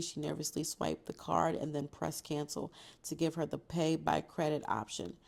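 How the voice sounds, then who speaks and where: A woman reading a street novel aloud, stopping now and then for casual, profane reactions. Her voice sits low with a gravelly, creaky edge. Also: darkish tone. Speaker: book reader and reactor.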